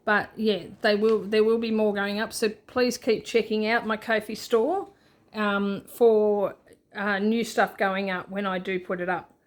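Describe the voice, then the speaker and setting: A woman's voice: mid-range voice, level tone, a little slow. A woman hosting a budgeting channel, chatting casually as she shows her printables and laughs at herself. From Australia. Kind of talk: casual show-and-tell walkthrough.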